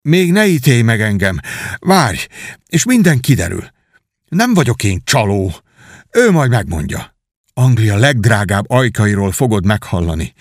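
A man's voice: mid-range voice, wildly swooping pitch, slightly rough, no room sound, clean studio sound, exaggerated voice. A man voicing a desperate young nobleman who pleads and argues in agitated outbursts. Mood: pleading.

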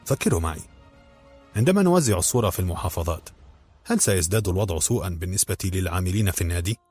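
A man voicing a calm, courteous male leader of a secret group in an audiobook, husky and low, over faint music. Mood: calm, measured. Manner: measured, courteous, gently commanding.

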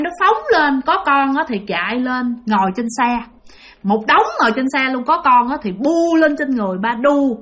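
This chatty ghost story comes from a woman with a fairly high, fairly bright voice. She addresses her listeners directly, keeping the narration conversational.

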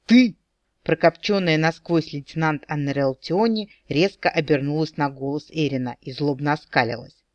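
A man narrating a fantasy audiobook in a lively, ironic storytelling manner. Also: a little high, normal speed, no echo, dull audio.

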